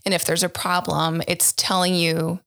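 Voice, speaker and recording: A woman's voice: on the low side, little pitch movement, moderate pace, gravelly, a bit bright. A woman hosting a podcast interview in a casual, agreeable way, laughing easily and affirming her guest often. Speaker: podcast host.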